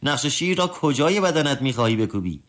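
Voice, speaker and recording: Man doing a calm agreeable bathhouse barber from a storybook, slightly raised voice. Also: a little high, voice pushed up. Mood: patient. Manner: calm and accommodating. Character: patient, obliging old-time bath barber, man.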